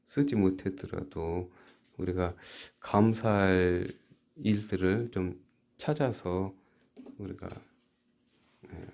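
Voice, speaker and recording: A South Korean pastor delivers a church sermon haltingly, shifting between quiet asides and emphatic rhetorical questions. His voice is deep and creaky.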